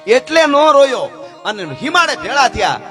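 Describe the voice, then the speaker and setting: A man telling a folk tale in a lively, conversational way, full of jokes and asides to the audience. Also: very high-pitched, moderate pace, over music. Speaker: folk storyteller. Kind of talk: folk storytelling to a live audience.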